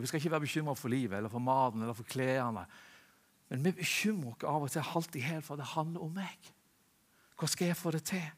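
Male preacher, sermon, earnest, rhetorical questions, fairly high voice.

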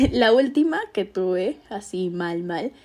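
A woman's voice: mid-range voice, lively intonation, slow. A young woman with a Peruvian Spanish accent, telling a story in casual chat and laughing often.

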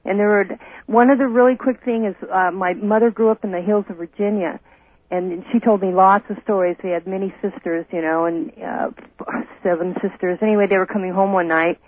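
A woman's voice: mid-range voice, fairly even intonation, brisk, darkish tone, breathy edge. A woman calling a radio show, casually telling personal stories over the phone. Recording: dull dry phone call on radio.

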